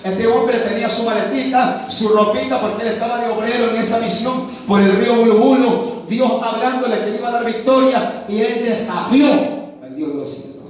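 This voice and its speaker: High-voiced Ecuadorian preacher in an echoey room. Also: male voice, fairly even intonation, fairly quick, few pauses. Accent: Ecuadorian Spanish. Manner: fervent preaching, storytelling, exhorting. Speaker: evangelist preacher. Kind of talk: sermon. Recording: very echoey, distant from the mic.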